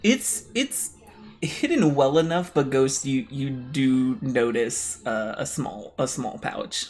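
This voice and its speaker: Slow, easygoing man running the game. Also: medium pitch, expressive, darkish tone, soft background music. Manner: unhurried, easygoing, laughs often. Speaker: game master.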